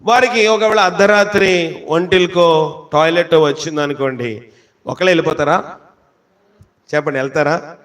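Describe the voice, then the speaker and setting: A man with a high voice preaching a sermon. He keeps asking his listeners questions, then slows right down to quote scripture with heavy emphasis. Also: fairly bright tone. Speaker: pastor.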